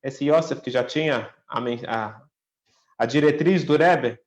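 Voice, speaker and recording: A man's voice: mid-range voice, unhurried. A rabbi telling a story in a talk, raising his voice for the quoted lines. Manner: acts out the quoted lines with a lifted voice. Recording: echoey room.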